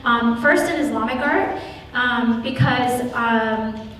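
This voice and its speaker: A woman's voice: on the high side, slow pace, a bit bright, a little hiss or hum. Woman lecturing in an echoey hall. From Iraq. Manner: thoughtful, frequent ums and restarts. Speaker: guest lecturer, curator. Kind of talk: public lecture. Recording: echoey hall, recorded from far off.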